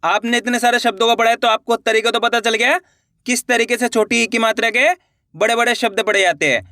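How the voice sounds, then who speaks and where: A man teaching reading in an online lesson, sounding out each word slowly syllable by syllable and repeating it twice for learners. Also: very high voice, fairly even intonation, bright, forceful tone, no echo, studio quality.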